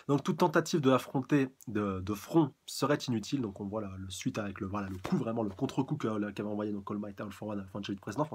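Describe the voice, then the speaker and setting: A man giving a casual live review of a comic chapter, halting and searching for words with many restarts. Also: on the low side, slightly rough. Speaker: manga reviewer.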